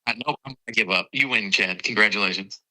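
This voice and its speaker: Sharp-voiced man on speakerphone. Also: fairly low pitch, fast talker, rough recording. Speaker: podcast co-host. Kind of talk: casual chat.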